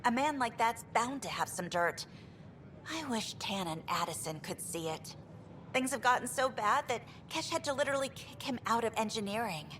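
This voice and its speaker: A woman's voice: on the high side, lively intonation, normal speed, fairly bright tone, slight background noise. A woman voicing a frustrated female engineer on a space station, venting in an earnest, exasperated way.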